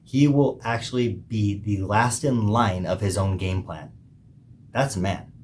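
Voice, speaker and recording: A man hosting a podcast, giving an emphatic, preachy monologue with pauses between phrases. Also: on the low side, a little mellow, slight background noise. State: hiccuping. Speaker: podcast host. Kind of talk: opinionated monologue.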